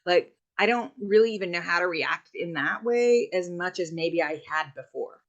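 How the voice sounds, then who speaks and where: A woman's voice: lowish voice, expressive, moderate pace, lo-fi sound. A middle-aged woman, a meditation teacher, speaking reflectively in a conversational interview with loose, rambling restarts.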